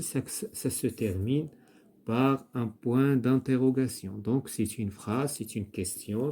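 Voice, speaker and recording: Male schoolteacher, slow repetitive explainer, warm low-key tone. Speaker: teacher. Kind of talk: primary-school grammar lesson, writing on a board.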